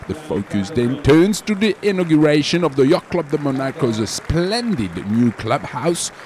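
A man's voice: fairly high pitch, very animated, moderate pace, a little mellow, a faint crowd. A man reading a scripted sailing news voice-over.

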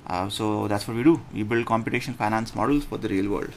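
A middle-aged man with a Pakistani accent giving an informal online lecture as a coach, in a blunt, halting way that repeats phrases for emphasis. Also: lowish voice, darkish tone. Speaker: business lecturer and pitching coach. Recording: clearly noisy room recording.

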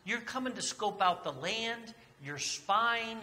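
A man's voice: high-pitched, expressive, takes it slowly, bright, forceful tone, long reverb tail, a little hiss or hum, pitched above the performer's own voice, exaggerated voice. A man voicing a stern governor in a retold Bible story, hurling accusations of spying. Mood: accusing. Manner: accusing, insistent.

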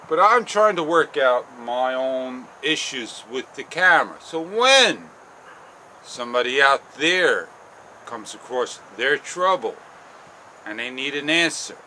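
A man in his forties vlogging outdoors, rambling slowly and haltingly with frustration, on a clip-on mic. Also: medium pitch, pushed and bright, slight background noise. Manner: slow, halting, frustrated rambling with long pauses. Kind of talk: casual walk-and-talk vlog. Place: outdoors on a sunny garden patio and paths. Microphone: small wireless clip-on mic.

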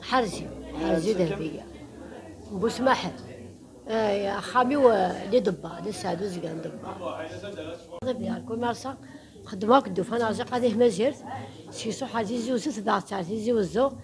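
An older woman exhibitor talks quickly and casually. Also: medium pitch. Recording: crowd noise behind.

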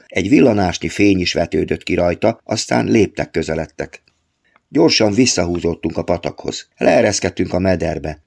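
Low, gravelly male audiobook narrator. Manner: steady storytelling read. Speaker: author reading his own novel.

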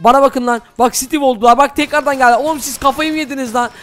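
A man hosting a Minecraft role-play, talking excitedly to his viewers as "friends". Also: extremely high pitch, quick pace. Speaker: gaming channel host.

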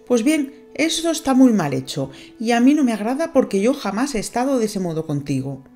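A woman's voice: fairly high pitch, very animated, brisk, mellow, faint music behind, pitched above the performer's own voice. A woman voicing a playful, coquettish young girl in a storybook, sweet and mocking. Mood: sweet reproach. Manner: sweet, mocking, sobbing by turns.

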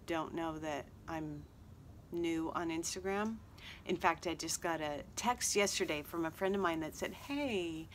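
A woman's voice: fairly low pitch, slight background noise. A woman talking casually to her viewers about her crafts, rambling with fillers and joking asides. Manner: chatty, rambling with fillers and self-deprecating asides. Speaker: craft vlogger. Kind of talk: casual chat to camera. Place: outdoors at a table.

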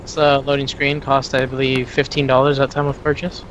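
A man's voice: mid-range voice, monotone, brisk, fairly bright tone, dull audio, slight background noise. A man playing along as co-player in a casual let's play, cracking dry, sarcastic jokes. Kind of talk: casual gameplay banter. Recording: voice call over game gunfire. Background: gunfire from the game.

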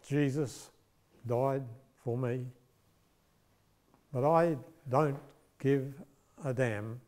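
A man voicing a young male skeptic who speaks in a hushed, halting way. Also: medium pitch. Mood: shaken. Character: young male skeptic, defiant yet shaken.

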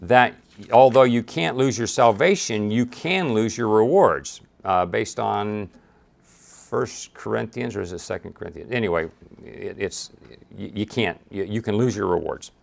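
A man's voice: fairly low pitch, a little slow, vocal fry. Man teaching a Bible study. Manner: conversational, reads scripture aloud with frequent restarts and asides.

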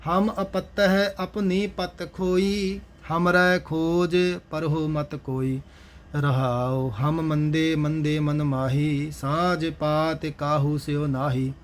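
Punjabi guy teaching scripture reading, slow and careful, higher voice, keeps repeating how to say words. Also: flat delivery. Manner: measured, instructive, repeats each correct pronunciation. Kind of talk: slow chanted scripture reading with spoken pronunciation notes.

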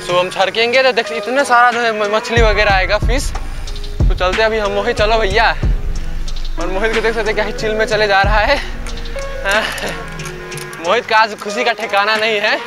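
A man's voice: high voice, steady tone, moderate pace, over music. A young man riding a bicycle on a rural road, chatting casually to his viewers on an action camera. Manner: chatty, keeps addressing viewers as guys. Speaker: cycling vlogger. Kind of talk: casual vlog commentary while riding. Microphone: helmet or handlebar action camera.

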